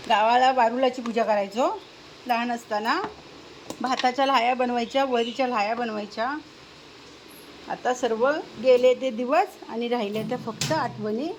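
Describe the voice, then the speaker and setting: A middle-aged woman talking casually at home in a vlog, often calling out to her pets in a high coaxing voice. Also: moderate pace, slight background noise. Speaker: home vlogger. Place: home indoors.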